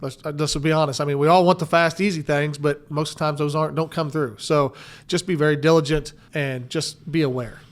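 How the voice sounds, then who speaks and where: A man's voice: fairly high pitch, steady tone, a little fast. A man, a financial advisor, giving earnest, cautionary advice in casual chat and coming back to the same warnings. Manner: earnest, cautionary, repeats "again" often.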